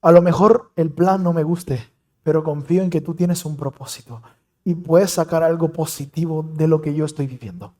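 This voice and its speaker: A young man preaching a sermon as pastor, emphatic with dramatic swings between loud and soft. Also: on the high side, normal speed.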